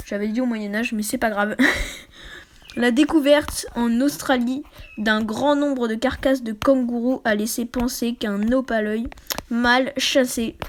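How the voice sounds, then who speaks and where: A woman reading a book aloud for her channel. She often trips over words, corrects herself, and drops into quick, quiet asides. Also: on the high side, a little hiss or hum. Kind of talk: casual read-aloud with asides.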